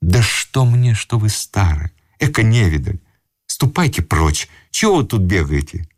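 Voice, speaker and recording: A man's voice: lowish voice, very animated, a little slow, no room sound, clean studio sound, voice pushed up. A man voicing a hot-tempered young man who talks in brusque, irritable bursts. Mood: irritated.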